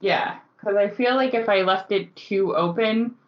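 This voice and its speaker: Woman podcast co-host, chatty game master, quick to laugh, muffled lo-fi recording. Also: medium pitch. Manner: laughs often, animated storytelling. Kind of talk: casual chat. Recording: dull lo-fi podcast audio.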